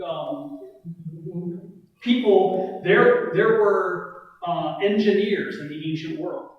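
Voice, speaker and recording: A man's voice: fairly high pitch, highs cut off. Man teaching Bible study in an echoey room. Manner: conversational, keeps asking "right?" of the group. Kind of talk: casual Bible study lecture. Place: church meeting room. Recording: very echoey room, mic far off.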